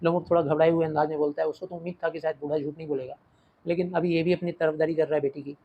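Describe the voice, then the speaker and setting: A man's voice: a little high, level tone, racing, narrow, tinny audio. A man with an Indian English accent teaching a play, explaining it line by line and moving between Hindi and English. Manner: explains line by line, switching languages. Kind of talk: Hindi-English literature lesson.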